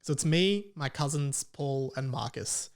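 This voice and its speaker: This man hosts a podcast, and his voice sits a little high, clear and resonant, expressive and in no rush. He tells a personal story in a casual, comedic way, leaning on dramatic emphasis and repetition and swearing offhandedly.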